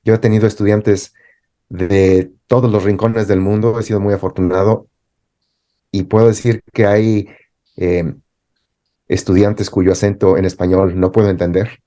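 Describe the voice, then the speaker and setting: A thoughtful man with a lowish, mellow voice. He talks as a teacher in an interview discussion, pausing and restarting as he works through his ideas. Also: little pitch movement. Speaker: teacher and guest.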